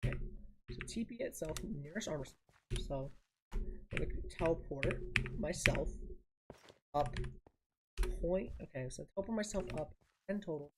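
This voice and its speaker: Low-voiced woman muttering game commands. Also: expressive, normal speed, pauses often, noisy background. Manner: mutters step-by-step commands to herself. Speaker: game streamer. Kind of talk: casual thinking aloud while building. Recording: audible keyboard typing and clicks.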